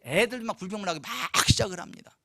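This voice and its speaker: A man's voice: sits high, quick pace, creaky, no room sound, clean studio sound. A man preaching as pastor, acting out everyday quarrels in little voices and building lists of phrases with rising force in a church. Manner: animated, acts out family quarrels in voices. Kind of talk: sermon. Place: church sanctuary.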